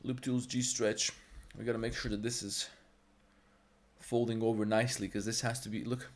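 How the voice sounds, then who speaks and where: Streaming a 3D modeling tutorial, this Balkan-accented man, whose native language is Serbo-Croatian, talks with his chat bluntly, profanely, and at length. His voice is mid-range with little pitch movement, and he keeps a moderate pace.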